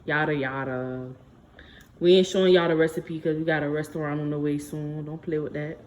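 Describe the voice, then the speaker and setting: A woman's voice: low voice, fairly even intonation, a little fast, a little mellow. A woman chatting casually to viewers as a vlog host, playful, sassy and bantering. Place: home kitchen, indoors. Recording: noisy room, home camera audio.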